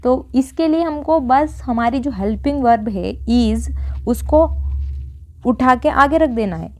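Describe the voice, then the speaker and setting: A young woman teaching spoken English, who explains grammar step by step and repeats each English sentence slowly. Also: sits high.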